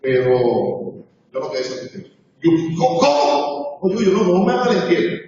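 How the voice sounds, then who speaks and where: A man's voice: high voice, sing-song, normal speed, darkish tone, soft background music. Man telling his story in an echoey hall. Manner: emotional storytelling, acting out past conversations. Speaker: seminar speaker. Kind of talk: personal testimony to a live audience. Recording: echoey hall, distant dull mic.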